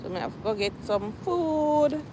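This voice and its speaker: A livestream host with a Jamaican accent chats casually with her viewers while outdoors on a campus, winded from walking and sighing. Her voice is high-pitched and animated, at a moderate pace. Traffic and other outdoor noise fill the recording.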